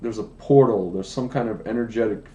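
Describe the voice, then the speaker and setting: This lowish, mellow male voice moves a little fast and sounds reverberant. He's an American wine business founder in his late thirties, a guest on a livestream podcast recorded in an indoor room, casually rambling through his life story with many restarts and asides.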